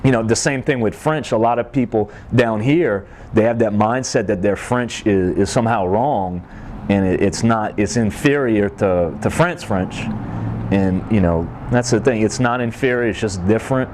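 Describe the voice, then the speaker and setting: A man's voice: on the low side, moderate pace. A man with a Cajun accent talking casually in an interview, hesitating and repeating himself as he explains or tells stories. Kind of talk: casual interview and joke telling. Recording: noisy outdoors with traffic.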